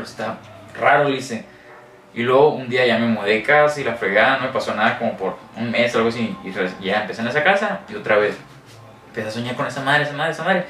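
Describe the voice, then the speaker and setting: A young Mexican man tells a ghost story at a rapid clip, acting out his own cries and the thumping sounds as he goes. His voice is heard a little off mic in a roomy space, with a faint hiss behind it. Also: mid-range voice. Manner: animated storyteller, acts out shouts and sound effects. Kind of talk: casual chat, telling a scary story. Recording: echoey room, mic at a distance, faint noise.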